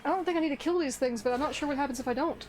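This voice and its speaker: High-voiced woman chatting while gaming. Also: racing, darkish tone, a little hiss or hum. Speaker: game streamer. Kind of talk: casual chat while playing a game. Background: faint game music.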